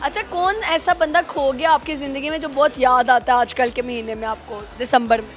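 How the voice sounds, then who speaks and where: A woman hosting a casual comedy chat, hoarse-voiced, with a teasing, playful way of questioning. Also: high-pitched, fairly even intonation, fairly quick, faint music behind. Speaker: host.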